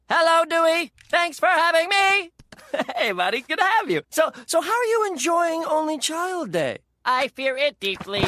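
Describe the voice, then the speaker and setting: A performer voicing an excitable young boy duck hosting a pretend talk show in a cartoon, bouncing between a bright voice and a flat robot monotone. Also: high-pitched. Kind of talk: cartoon dialogue. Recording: cartoon clip with noisy background.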